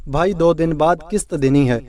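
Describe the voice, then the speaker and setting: A man's voice: a little high, dark tone, recorded from a distance, close to an everyday voice. A man voicing a tired, feverish young husband who mutters wearily and snaps in irritation. He keeps close to his own voice, set back from the mic. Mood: weary.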